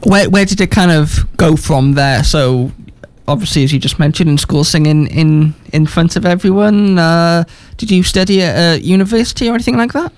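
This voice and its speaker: A man's voice: on the high side, normal speed, few pauses, a little mellow, smooth, no room sound. A man presenting a radio show, asking a guest friendly leading questions in the studio. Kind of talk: radio interview hosting.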